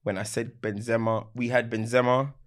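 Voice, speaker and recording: A man's voice: mid-range voice, little pitch movement, moderate pace. A man with an urban London roadman accent in a casual football debate, slangy and emphatic, repeating himself for effect. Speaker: football podcast panellist.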